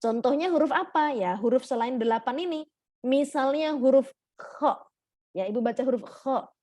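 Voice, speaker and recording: A woman's voice: high-pitched, normal speed, warm tone, no room sound. Patient woman teaching letter sounds. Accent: Indonesian. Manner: patient explaining, keeps checking in with listeners, demonstrates sounds. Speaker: Quran recitation teacher. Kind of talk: online class lecture.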